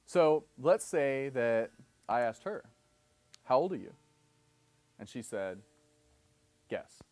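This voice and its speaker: A man's voice: medium pitch, big pitch swings, slow, a little mellow. A man in his thirties giving a live seminar lecture, explaining step by step, often checking in with "okay?" and acting out both sides of example dialogues. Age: 30s. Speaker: seminar instructor.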